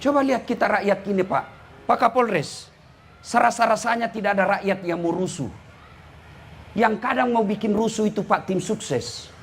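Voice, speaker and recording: High-voiced joking Indonesian preacher. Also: male voice, moderate pace, a little hiss or hum. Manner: animated, joking, teasing the audience directly. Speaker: Islamic preacher. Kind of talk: humorous sermon to a congregation.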